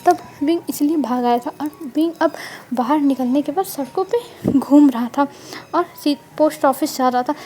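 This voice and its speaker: A woman's voice: high voice, normal speed, dark tone, a little hiss or hum. A woman retelling a romance story in a casual, conversational way, often restarting her sentences.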